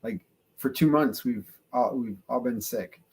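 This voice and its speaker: A man's voice: medium pitch, unhurried, darkish tone, slightly rough. A man co-hosting a casual chat in a laid-back, joking way. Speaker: co-host.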